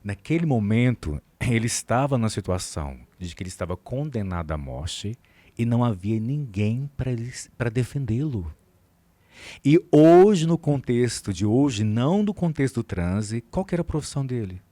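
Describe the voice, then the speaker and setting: A man's voice: medium pitch, moderate pace, dry recording. A man with a Brazilian accent, a psychologist and hypnotherapist, telling a case story in a podcast interview and acting out both sides of the conversation. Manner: animated storyteller who acts out both sides of a dialogue.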